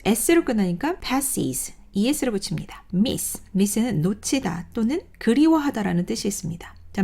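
A woman teaches a recorded grammar lesson, her pitch rising and falling as she poses a question and then answers it herself. She runs through word lists in a steady, teacherly rhythm.

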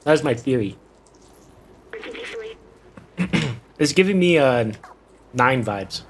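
A man's voice: medium pitch, expressive, slow pace, a little hiss or hum. Chatty young man playing a game. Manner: chatty, reacts aloud to the game, laughs often. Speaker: gaming YouTuber. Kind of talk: casual let's play commentary. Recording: game music behind the voice. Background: game music.

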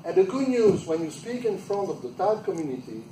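A middle-aged man, a native French speaker with a French accent, gives a chatty, self-deprecating plenary presentation, with small laughs along the way. His voice sits high and sing-song, a little fast and warm in tone, with a faint hiss or hum. He's picked up by a far camera in a meeting room, so the recording sounds echoey and distant.

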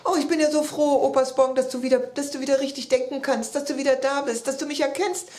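Little boy creature, high and jittery, stammering; woman reads it. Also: fairly even intonation, fast, a little mellow, natural voice. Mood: overjoyed. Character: excitable little boy creature, grandson with glowing hair.

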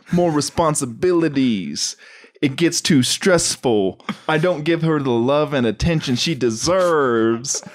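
A podcast host chats casually, rambling through pitches for comedy sketches and acting out lines as he explains them.

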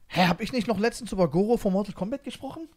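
High male voice, brash, mock-scolding, casual streamer banter. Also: racing. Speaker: streamer reacting to a video. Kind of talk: casual banter, street slang.

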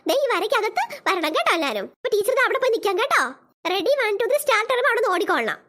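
Woman doing a quick, coaxing cartoon teacher. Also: extremely high pitch, big pitch swings, a bit bright, exaggerated voice. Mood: instructing. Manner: coaxing, patient. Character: kind preschool teacher, woman.

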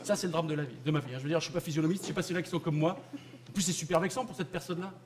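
A man's voice: on the high side, rapid-fire. A young man from France doing stand-up comedy on a theatre stage, mocking and conversational. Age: young adult. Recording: live theatre, loud audience laughter.

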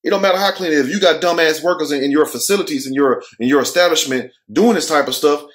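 An American man in his thirties hosts a show from a furnished room at home, giving casual, opinionated commentary. He's blunt, slangy and joking, swears a lot, and talks quickly in a fairly high, fairly bright voice.

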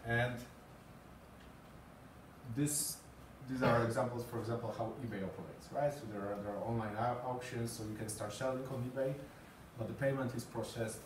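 Speaking at a normal speed in a steady, medium-pitched voice, a Polish man in his thirties gives a halting talk full of fillers and repeated words to a small group. The conference presentation takes place in a small meeting room with green walls and a screen. Captured from far away by a camera with no mic seen, the recording is echoey with a little hiss or hum.

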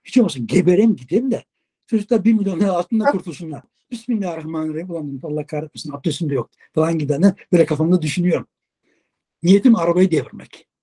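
Husky-voiced man spinning a road story. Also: fairly high pitch, racing. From Turkey. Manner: animated, acts out dialogue, swears casually. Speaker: interviewee, long-haul truck driver. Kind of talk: casual storytelling.

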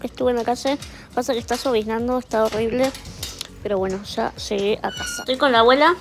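Young Argentine woman, casual home vlogger, fairly high voice with lots of fry, music faintly behind. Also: huge pitch swings, fairly quick. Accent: Argentine (Rioplatense). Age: young adult. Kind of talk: casual chat to camera. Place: small room at home.

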